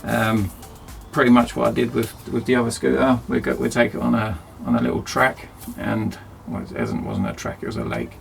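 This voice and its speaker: Chatty gravelly-voiced man in a workshop. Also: medium pitch, animated, fairly quick, hardly any pauses, soft background music. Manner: chatty, rambling, self-mocking. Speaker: DIY video host. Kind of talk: casual workshop chat. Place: cramped home workshop.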